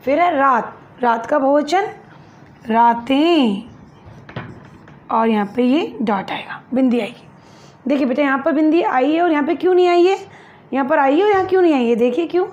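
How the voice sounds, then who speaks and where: Teaching Hindi online to young pupils, this female school teacher speaks slowly and patiently in a high, expressive, slightly mellow voice. She breaks words down syllable by syllable, addresses the pupils as "beta", and poses questions she then answers herself. The sound is lo-fi and a bit muffled.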